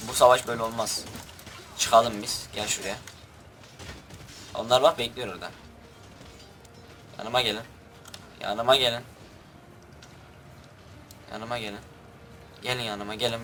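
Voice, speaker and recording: Bright-voiced young gaming guy, excitable. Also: medium pitch, normal speed, long pauses, slight background noise. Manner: excitable, crude, shouts orders at his troops. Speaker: gaming youtuber. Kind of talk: gameplay commentary.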